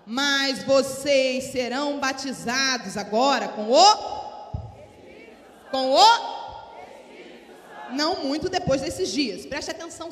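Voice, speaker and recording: A woman with a Brazilian Portuguese accent preaching a sermon to women, often calling for responses from the congregation, her voice swinging between soft and loud. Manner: calls for audience responses; animated, sudden rises in pitch and volume. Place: church hall. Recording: echoey hall with long reverb.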